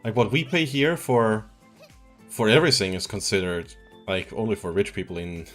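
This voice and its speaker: A man's voice: lowish voice, moderate pace, a bit bright, soft background music. A man in his twenties from Switzerland, chatting casually and rambling through a game stream, chuckling now and then. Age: 20s. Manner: rambling, laid-back, chuckles often. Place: at home.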